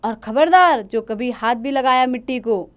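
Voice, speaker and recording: A woman's voice: sits high, lively intonation, unhurried, voice pushed up. A woman reading the part of a stubborn, scolding village potter father who coughs. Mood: stern scolding. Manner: gruff, scolding.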